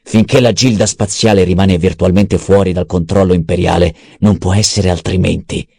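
A man voicing a cruel, mocking old baron in an audiobook, gruff and menacing. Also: deep voice, steady tone, normal speed, mellow, no room sound. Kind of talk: audiobook character voice.

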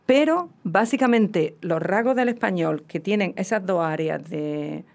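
Gravelly woman with a southern Spanish accent. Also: lowish voice, animated, measured pace, a little mellow. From southern Spain. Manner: lecturing, many restarts and fillers. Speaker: guest language expert. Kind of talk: explanatory casual chat.

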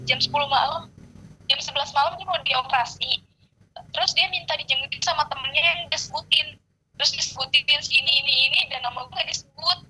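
A woman's voice: high voice, sharp tone, poor audio. A young woman telling a story in casual, slangy chat and swearing now and then.

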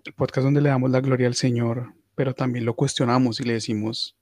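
A man's voice: mid-range voice, little pitch movement, a little fast, darkish tone, no echo. A man hosting a comedy podcast, ranting crudely with mock-pious asides. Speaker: podcast host.

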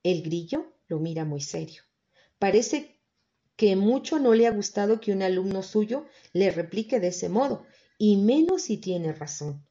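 Mellow woman reading a story. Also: mid-range voice, lively intonation, a little slow, dull audio. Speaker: narrator.

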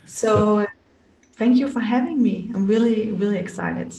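Speaking casually with frequent fillers and restarts, this Danish business strategist in her thirties is a guest on a podcast interview. Her medium-pitched voice is mellow at a moderate pace, with a little hiss or hum, an echoey room and some distance from the mic.

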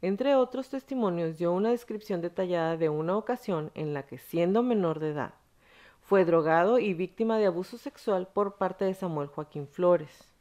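A woman hosts a casual podcast, telling the story bluntly and dropping slang and swear words. Her voice sits low for a woman. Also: normal speed, dark tone. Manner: frank, blunt, uses slang and profanity. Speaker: podcast host.

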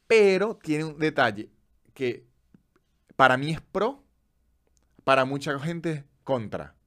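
Un hombre venezolano con acento venezolano, presentador de podcast, contando datos en charla informal y pausada a ratos. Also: male voice, a little high, big pitch swings, a bit bright. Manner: chatty storyteller, slows down to list facts. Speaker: podcast host. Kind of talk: casual chat.

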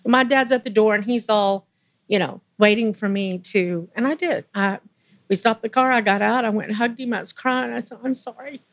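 A woman with a low voice, appearing as an interview guest, tells a personal story in an earnest, emotional way, pausing and restarting as she goes.

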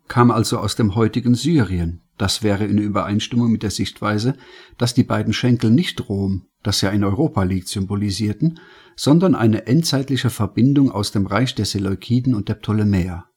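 A man narrating an audiobook in a calm, measured storytelling manner. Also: medium pitch, breathy edge. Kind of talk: scripted narration.

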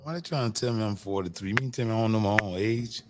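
A man in his forties, a coach calling in, talking loudly and playfully over a phone line. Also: fairly low pitch, fast, crowd noise. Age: 40s. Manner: loud, playful, insistent. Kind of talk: casual phone chat. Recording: noisy phone line with long reverb.

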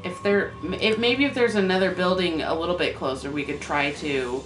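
A woman's voice: lowish voice, fairly quick, soft background music. A woman playing a tabletop game, eagerly planning her moves aloud. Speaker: player. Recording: distant roomy mic.

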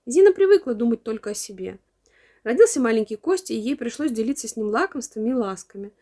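A woman narrating a children's storybook in an expressive reading voice. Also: on the high side, fast.

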